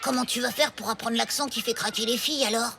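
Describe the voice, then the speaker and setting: A woman's voice: fairly high pitch, fast, vocal fry. A woman voicing Manu, a doubtful, easily led sidekick schoolboy in a cartoon, who talks in a hesitant, skeptical way. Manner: hesitant, skeptical kid talk. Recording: cartoon soundtrack with loud music.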